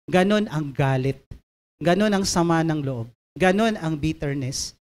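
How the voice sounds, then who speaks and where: A woman preacher giving an emphatic sermon, reading scripture slowly and asking listeners to turn to their neighbors. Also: low voice, lively intonation, a little mellow.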